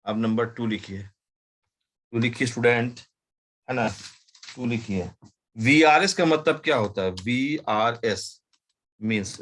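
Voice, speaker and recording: A man teaching a live class, dictating slowly, spelling words out letter by letter and often adding short checking questions. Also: medium pitch, fairly bright tone. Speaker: commerce teacher.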